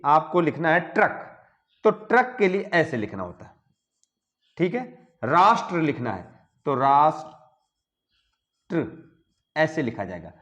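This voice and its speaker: A man's voice: sits high, a bit bright. A man teaching Hindi grammar, explaining step by step and checking in with "okay" between points. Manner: slow, repeats "ठीक है" between points. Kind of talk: explaining at a board.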